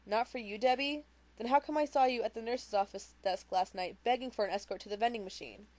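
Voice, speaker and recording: A woman's voice: on the high side, brisk, darkish tone, close to an everyday voice. A woman reading the lines of a confrontational teenage girl in treatment who talks in a blunt, sarcastic way.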